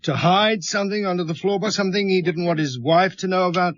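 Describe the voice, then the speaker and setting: Probing police inspector, unhurried temper, few words, radio drama, lightly raised pitch, muffled lo-fi recording. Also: male voice, steady tone, no room sound. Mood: probing, reassuring. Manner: terse, quietly questioning. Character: calm, probing, laconic married male police inspector.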